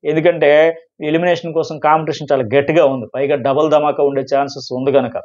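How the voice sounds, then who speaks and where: Fast-talking excited man reviewing a show. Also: fairly high pitch, highs cut off. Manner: excited, emphatic, quotes contestants in quick bursts. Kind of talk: fast live commentary.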